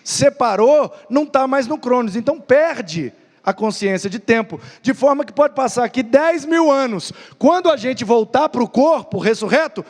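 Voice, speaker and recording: Brief: Brazilian man, very high voice, teaching Bible class, long hall reverb. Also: moderate pace. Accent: Brazilian Portuguese. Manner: lively, storytelling, rhetorical questions. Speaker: pastor teaching Sunday Bible school.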